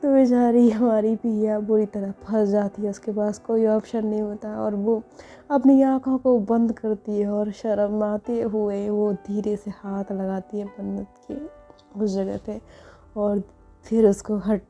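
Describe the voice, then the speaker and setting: A woman's voice: medium pitch, level tone, a little slow, warm tone, highs cut off, faint music behind. A woman telling a romance story in a chatty, conversational way. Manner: chatty, conversational, frequent "na" tags. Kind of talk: casual story narration.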